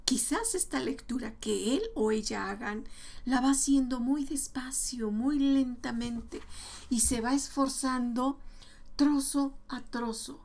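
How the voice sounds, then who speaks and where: A woman explaining to parents how to read with young children, patient and step by step, slowing down to sound out words. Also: high voice, gravelly, darkish tone. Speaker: early literacy educator.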